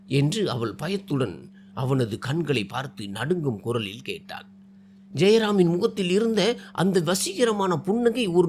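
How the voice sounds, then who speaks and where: A man narrating a romantic story with expressive, rising and falling delivery. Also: sits high, a little hiss or hum.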